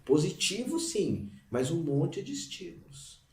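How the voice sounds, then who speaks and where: A man's voice: fairly high pitch, sing-song, measured pace. A man who teaches meditation in an informal, conversational way and sometimes chants single syllables. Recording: roomy, mic at a distance.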